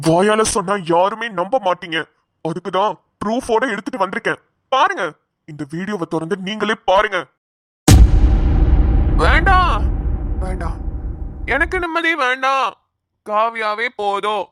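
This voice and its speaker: A woman voicing a furious, hot-tempered middle-aged father in a cartoon, shouting bitterly. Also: medium pitch, expressive, moderate pace, no echo, studio quality, close to an everyday voice. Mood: angry. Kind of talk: cartoon voice acting.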